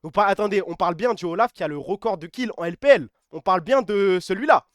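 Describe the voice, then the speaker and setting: A man talking on a live stream from his home setup, lively and emphatic, often repeating phrases and throwing in swear words. His voice sits high for a man. The sound is close and dry, with no room around it. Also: fast talker, no room sound. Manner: excitable, emphatic, repeats himself, swears freely. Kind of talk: casual live-stream chat.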